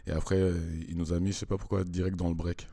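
A man's voice: deep voice, level tone, fast talker, dark tone, dry recording. A man in his thirties, a dancer and choreographer, chatting casually as an interview guest with easy laughs and hesitant fillers. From Congo, raised in Switzerland.

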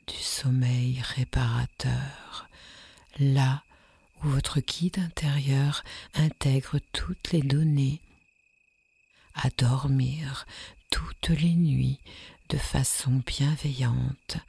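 A woman leading a guided sleep meditation in a soft, soothing, breathy whisper with long hypnotic pauses. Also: a bass voice, no echo.

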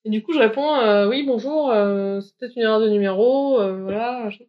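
A woman with a somewhat high voice tells a candid personal story in a frank, slangy way, acting out the lines people said. The recording sounds muffled and lo-fi. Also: a little fast. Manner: frank, slangy, acts out the dialogue she recalls. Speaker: guest telling her own story.

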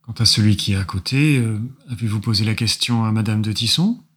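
A man voicing a formal, reserved middle-aged businessman in a slightly husky voice. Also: on the low side, a little fast, fairly bright tone. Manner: formal and courteous.

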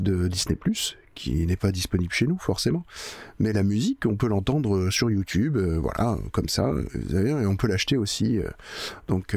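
Male podcast host with a cold, low and dry, hesitant casual delivery full of fillers. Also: a little mellow, no room sound. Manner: hesitant, lots of filler sounds and restarts. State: voice deepened by a winter cold. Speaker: podcast host presenting music. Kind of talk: casual solo radio-style chat.

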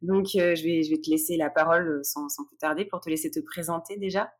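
A woman's voice: sits low, fairly even intonation, fast. A woman, hosting a podcast interview, hesitant and laughing often. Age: 30s. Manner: hesitant, warm thanks with frequent laughs and fillers. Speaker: podcast host.

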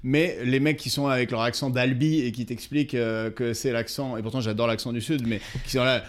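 A man's voice: mid-range voice, fairly even intonation, brisk. A man co-hosting a podcast, chatting casually and joking with his guest. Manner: teasing, joking. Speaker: podcast co-host. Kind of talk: casual chat.

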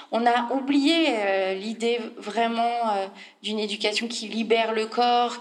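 Higher-voiced, emphatic woman panelist. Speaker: panel speaker. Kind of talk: unscripted political discussion.

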